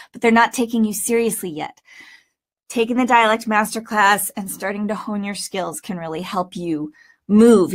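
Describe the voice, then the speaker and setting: Her pitch fairly high, a female voice acting coach delivers a relaxed lesson. She speaks with emphasis, leaning on pointed pauses and tossing in asides.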